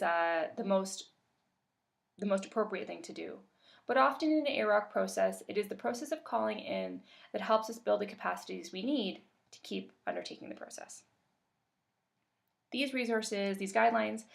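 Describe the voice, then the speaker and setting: This Canadian woman leads a webinar as a workshop facilitator, speaking calmly and deliberately with a few fillers here and there. Her mid-range voice has a creaky quality.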